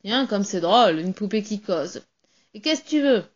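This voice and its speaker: A woman voicing a hearty, tipsy male sailor who talks loud and jovial. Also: mid-range voice, lively intonation, normal speed, muffled recording, close to an everyday voice.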